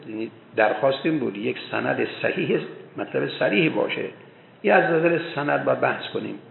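A man's voice: mid-range voice, vocal fry, a little hiss or hum. A man giving a scholarly religious lecture on hadith, talking with emphatic bursts where his voice rises. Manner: emphatic, voice rising in bursts for stress. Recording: echoey, tinny phone-like sound.

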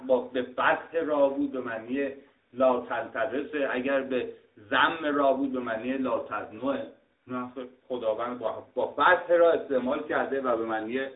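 Middle-aged man lecturing on scripture, tinny. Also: mid-range voice. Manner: argumentative, explanatory, clears throat often. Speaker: religious teacher. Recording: tinny, roomy, distant mic.

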